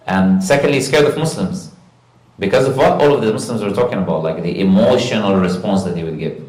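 A man earnestly telling a story in conversation, animated and sprinkled with religious phrases. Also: deep voice, a little fast. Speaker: guest recounting a live stream encounter. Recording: roomy echo.

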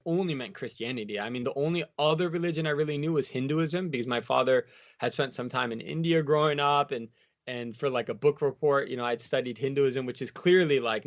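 An American man speaks in a mid-range voice with no echo, appearing as an interview guest. His casual, reflective talk is loose and wandering, dotted with "you know" and "like." The recording is dull, dry and lo-fi.

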